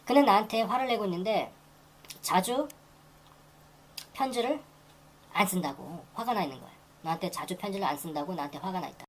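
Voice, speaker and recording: A woman teaching English grammar in a lecture, repeating phrases and reading example sentences very slowly. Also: medium pitch, a little hiss or hum, low-quality recording. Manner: repeats phrases and restarts while explaining.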